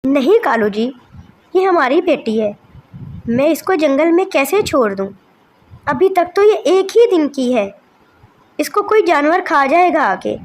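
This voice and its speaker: A woman doing a soft pleading mother crow. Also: high voice, expressive, measured pace, pauses often. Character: gentle grieving mother crow, female.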